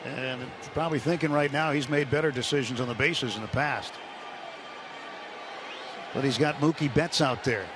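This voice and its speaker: Calling baseball live from a stadium broadcast booth, this man speaks in a mid-range voice at a moderate pace, pausing often. His play-by-play comes in clipped present-tense calls over loud ballpark ambience on a noisy radio feed.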